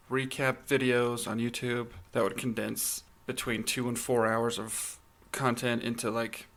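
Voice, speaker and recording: A man's voice: medium pitch, creaky, a bit bright. A man co-hosting a podcast in casual chat, with a wry, bantering manner. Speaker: podcast co-host.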